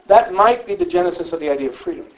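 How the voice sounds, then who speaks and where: A man, a philosopher, answering audience questions in a thoughtful, conversational way, often checking in with a quick "right?". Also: high voice, expressive, rough recording. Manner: thoughtful, frequent "right?" tags. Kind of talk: conversational public Q&A.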